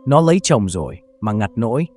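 A man voicing a gentle, nostalgic elderly village grandmother in a read-aloud horror story, soft-spoken and homely. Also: fairly low pitch, big pitch swings, fairly quick, faint music behind.

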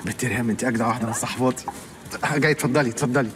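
A man's voice: medium pitch, steady tone, background noise, close to an everyday voice. A man playing a flustered, apologetic young man. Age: young adult. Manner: flustered, apologetic, fast comic patter. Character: lonely overweight young man, nervous and polite. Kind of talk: film comedy acting.

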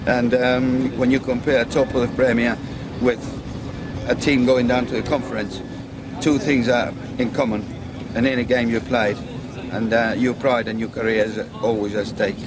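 Male football manager, halting, flat intonation, medium pitch, road noise on a coach. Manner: hesitant, halting phrases. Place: aboard a team coach. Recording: steady vehicle noise behind.

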